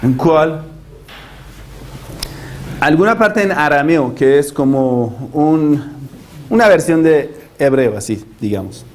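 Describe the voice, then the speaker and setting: Guy giving a religion class, lively, fires off rhetorical questions, slightly higher voice. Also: slow pace, pauses often. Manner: animated, argumentative, asks rhetorical questions. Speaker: religious teacher. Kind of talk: lecture.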